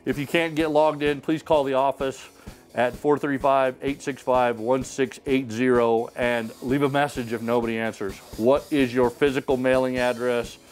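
Faint music plays behind a middle-aged man who speaks at medium pitch and normal speed in a steady tone. He's casually announcing to camera while hosting a membership sweepstakes drawing, reading winners and their hometowns in a folksy, upbeat manner from a wood-paneled room.

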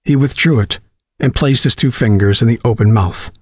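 A man narrating a horror story, reading in a measured, dramatic way. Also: medium pitch, darkish tone, no echo.

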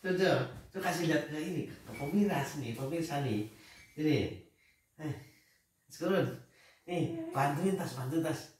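A man's voice: on the high side, measured pace, long pauses, slight background noise. A man, a father, in casual, playful, teasing family chat at home. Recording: echoey room, mic far off.

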